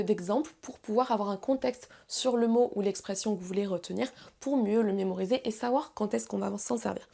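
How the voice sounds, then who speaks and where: Woman, online English teacher, slightly high voice, gravelly, patient explanations. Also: mellow. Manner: explanatory, repeats English phrases slowly. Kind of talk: online language lesson.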